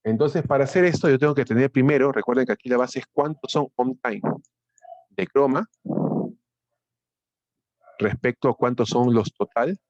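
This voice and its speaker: A man teaching a software tutorial, explaining step by step, often restarting words and checking in with his listeners. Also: mid-range voice, no echo, dull audio. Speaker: instructor. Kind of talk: screen-recorded software tutorial.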